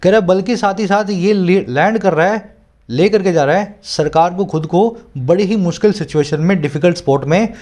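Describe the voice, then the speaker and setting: Man, Indian English accent, slightly high voice, tutor, explains a text, mixes Hindi and English. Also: moderate pace, a little mellow. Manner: mixes Hindi with English terms, often asks if it is understood. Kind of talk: explaining an editorial.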